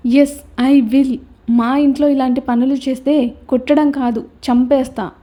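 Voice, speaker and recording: A young man in a storybook lays down the law in a hard, scolding tone, as a woman reader puts him on. The voice stays high and mellow. He threatens and lectures without letting up. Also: steady tone, a little slow. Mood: stern anger. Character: stern angry young man, commanding. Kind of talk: storybook character voice.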